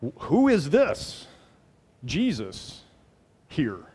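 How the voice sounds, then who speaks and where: This middle-aged male pastor preaches very slowly, his slightly high, darkish, slightly rough voice swinging hugely in pitch. Earnest and emphatic, he leans on repetition to make his point from the pulpit of a large church sanctuary. He wears a headset mic, and the hall leaves a long reverb.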